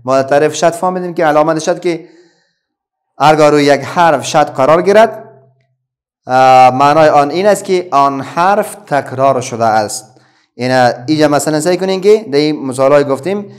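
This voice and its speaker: A slightly high male voice with an Afghan Dari accent runs a reading lesson for kids. His questions to the pupils get answered by him, amid frequent pauses and fillers.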